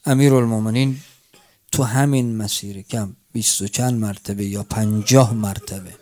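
Preacher, swinging loud to hushed. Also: male voice, fairly low pitch, fairly even intonation. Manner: swings between loud cries and hushed near-whispers, tearful chant. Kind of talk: mourning sermon.

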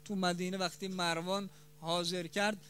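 A man preaching a mourning sermon, his voice swelling loud and dropping soft, stretching key words slowly for emphasis. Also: high voice, little pitch movement, slight background noise.

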